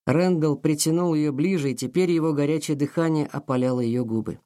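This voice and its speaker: A man narrating a romance novel aloud in an expressive storytelling manner. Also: on the high side, a little fast. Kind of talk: audiobook narration.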